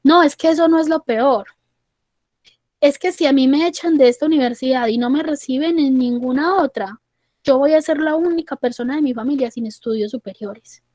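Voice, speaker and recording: A woman's voice: high-pitched, a little fast, mellow, dry recording, natural voice. A woman quoting an anxious young male student who keeps insisting on the worst case, in a plain, dry recording.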